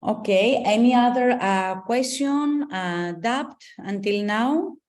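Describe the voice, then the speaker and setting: A woman's voice: fairly high pitch, takes it slowly, a little mellow. Spanish-accented woman running a webinar. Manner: patient, advising explanations. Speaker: webinar facilitator. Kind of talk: online webinar Q&A.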